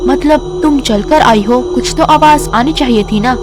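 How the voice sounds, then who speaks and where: A woman's voice: high-pitched, music in the background, lightly acted. A woman voicing a fretful, anxious older mother-in-law. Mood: nervous. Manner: nervous, fretful.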